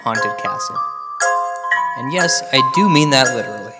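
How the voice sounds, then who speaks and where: A man's voice: medium pitch, expressive, normal speed, loud music behind the voice, close to an everyday voice. An actor playing a paranoid, self-pitying paranormal radio host in an ominous late-night storytelling style, rambling and half-joking in his drama. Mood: ominous, wry storytelling. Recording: long hall-like reverb.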